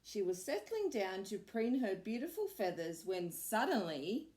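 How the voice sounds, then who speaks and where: A woman preschool teacher reading a picture book aloud to children, gentle and expressive. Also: mid-range voice. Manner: gentle, slow, expressive storytelling.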